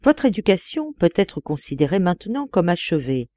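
A woman voicing an effusive old gentleman father. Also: lowish voice, very animated, normal speed, no echo.

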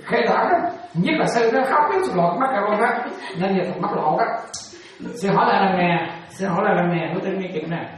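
A man's voice: high-pitched, fairly quick. A man, a Buddhist monk giving a dharma talk, playfully quizzing and teasing his listeners with a chuckle. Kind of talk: dharma talk with audience questions. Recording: echoey hall, voice from a distance.

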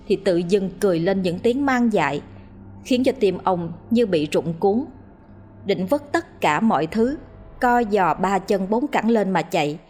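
A woman reading out a ghost story in a steady, dramatic way as the storyteller. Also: mid-range voice, breathy edge. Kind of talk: scripted ghost story narration.

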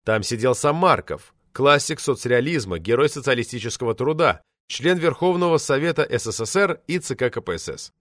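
A male audiobook narrator reading in the first person with dry irony. His pitch rises and falls widely, and the close mic leaves the sound dry. He savours each wry turn of phrase. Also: moderate pace, hardly any pauses, no room sound. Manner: ironic, expressive storytelling.

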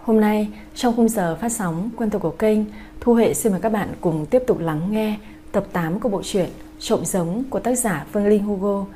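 A woman hosting a night radio story channel, reading a novel aloud in a gentle, soft manner. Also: medium pitch, moderate pace, a little hiss or hum. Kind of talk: scripted story narration.

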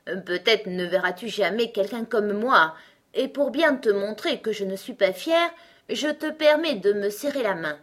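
A woman with a mid-range voice, pushing it upward, plays a pompous, irritable male talking egg in a storybook. Her character acting is expressive, a little slow, and a bit bright, with a haughty, emphatic, boastful, self-important delivery.

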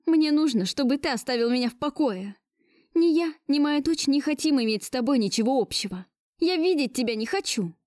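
A woman voicing a distraught young woman who confronts her lover in shrill, near hysterical outbursts. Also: expressive, brisk, a little mellow, no room sound, clean studio sound. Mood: bitter, shrill.

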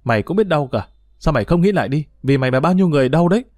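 A man's voice: on the high side, lively intonation, rapid-fire, a little mellow, dry recording, natural voice. A man voicing a tough, hot-tempered teenage schoolboy who scolds bluntly, recorded dry. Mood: angry.

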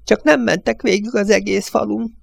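A man reading an audiobook voices an angry, fearful old village judge who complains in a high, bleating voice. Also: steady tone, gravelly, no room sound, exaggerated voice.

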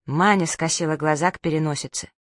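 A woman's voice: low voice, fairly quick, dry recording. Woman reading an audiobook, dry sound. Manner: lively, expressive storytelling. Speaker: audiobook narrator. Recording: dry close studio sound.

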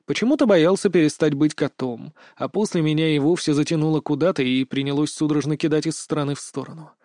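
A man's voice: on the high side, fast, a little mellow, no room sound, clean studio sound. Wry male audiobook narrator. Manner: wry, smug. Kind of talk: first-person fiction narration.

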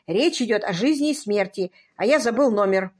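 A woman voicing a flustered, absent-minded elderly male earl who shouts and fusses excitedly. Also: mid-range voice, moderate pace, lightly acted. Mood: fretful.

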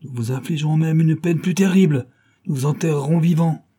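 A man reading an audiobook, voicing a savage adult male gang henchman who barks loud, threatening commands. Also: on the high side, fairly quick, pitched above the performer's own voice, close to an everyday voice. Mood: furious.

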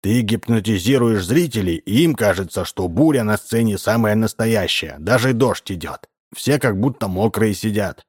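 A man's voice: fairly low pitch, expressive, normal speed, hardly any pauses, darkish tone, husky, no echo, studio quality. A man voicing a sly, pushy middle-aged building manager in a read-aloud story. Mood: scheming. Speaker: building contractor.

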